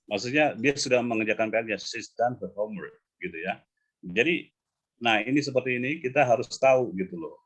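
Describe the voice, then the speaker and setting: A man's voice: mid-range voice, expressive, fairly bright tone, husky. Man patiently coaching English grammar on a call. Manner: explains patiently, repeating examples slowly. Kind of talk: casual online English lesson. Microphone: video call.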